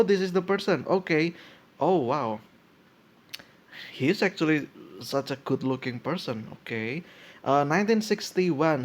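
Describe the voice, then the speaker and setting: Young male podcaster in his twenties, hesitant and talky, thinks out loud with constant ums and restarts, mid-pitched voice. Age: 20s. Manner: hesitant, full of fillers and restarts, thinking aloud. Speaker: podcast host. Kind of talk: casual solo podcast, reading and reacting.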